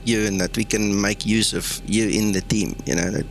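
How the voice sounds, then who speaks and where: Afrikaans-accented man, gravelly voice. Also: fairly low pitch, fairly even intonation, moderate pace, slight background noise. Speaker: flight sim streamer, host. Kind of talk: casual livestream chat.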